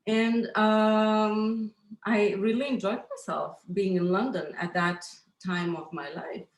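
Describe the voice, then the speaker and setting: Woman, from Lithuania, interview guest, slow unhurried speech, hesitant with fillers, roomy echo. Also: medium pitch, steady tone. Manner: hesitant, many fillers and restarts, soft laughs. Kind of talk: casual interview.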